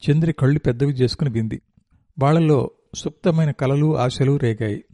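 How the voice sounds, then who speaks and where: A man reading a novel aloud as narrator, in a steady, descriptive storytelling manner. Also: medium pitch, moderate pace, dry recording.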